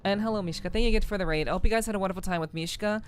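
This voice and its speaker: A woman chatting casually on a livestream in a friendly, welcoming way, her throat a little rough. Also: mid-range voice, racing, slight background noise. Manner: friendly, chatty, gushing thanks and greetings. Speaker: streamer. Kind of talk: casual livestream chat, greeting viewers.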